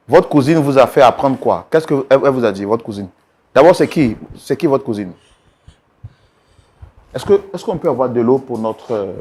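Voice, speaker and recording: Insistent male mediator calming a couple. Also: medium pitch. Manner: insistent, repeats commands to calm down. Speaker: mediator host.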